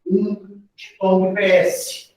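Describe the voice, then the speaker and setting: A man's voice: high voice, monotone, slow pace. A man with a Brazilian accent teaching a grammar lesson for an exam, explaining step by step and often adding tag questions. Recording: very echoey room, voice from a distance.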